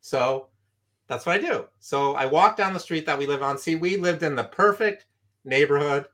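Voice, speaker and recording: A man from San Francisco, appearing as a guest, tells a story from when he was young and acts out the other people's voices. His voice is fairly high and a bit bright, and he speaks at a normal speed.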